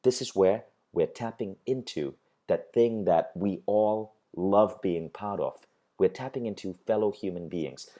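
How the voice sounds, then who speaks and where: A man's voice: deep voice, mellow. A middle-aged man from Malaysia giving a motivational course lecture, earnest, and he repeats phrases as he builds a point. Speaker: course instructor. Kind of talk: recorded online course lecture.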